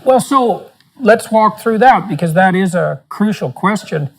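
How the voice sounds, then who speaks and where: Gravelly-voiced male podcast host. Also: high-pitched, expressive, measured pace. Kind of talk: interview questions and introduction.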